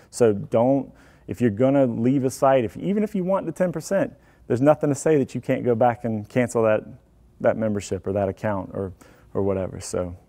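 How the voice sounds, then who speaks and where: A man talks through security tips in a relaxed, conversational way, cracking small jokes as he goes. His voice is warm and mellow, pitched in an ordinary middle range. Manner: chatty, self-deprecating, joking asides. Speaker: IT security presenter. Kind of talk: casual presentation to an audience.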